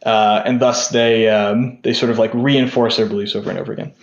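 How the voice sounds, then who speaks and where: A man's voice: lowish voice, steady tone, brisk, gravelly. Young guy on a podcast, lots of sort of and like, echoey room, kinda muffled. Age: young adult. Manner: rambling, lots of "sort of" and "like" fillers. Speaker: podcast guest, tech founder. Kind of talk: casual interview talk. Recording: roomy, dull lo-fi sound.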